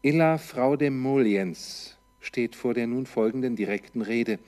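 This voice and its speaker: Male teacher, unhurried and methodical, walks through a translation word by word. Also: medium pitch, darkish tone. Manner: methodical, poses questions and answers them; parses grammar line by line. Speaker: Latin teacher. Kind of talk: slow step-by-step translation lesson.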